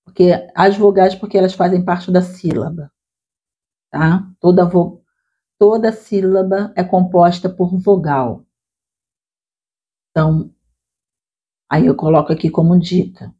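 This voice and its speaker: A woman literacy teacher explaining classroom activities to other teachers in a conversational way, checking in often with quick tag questions. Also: lowish voice, fairly even intonation, dark tone, husky. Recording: dull lo-fi recording.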